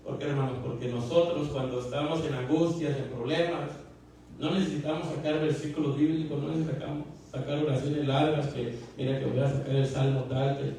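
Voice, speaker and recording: A man's voice: mid-range voice, steady tone, brisk, warm tone, slight background noise. Man, pastor, fervent sermon, fillers and repeats, echoey hall, distant mic. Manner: fervent, repetitive, many fillers and rhetorical questions. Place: church hall.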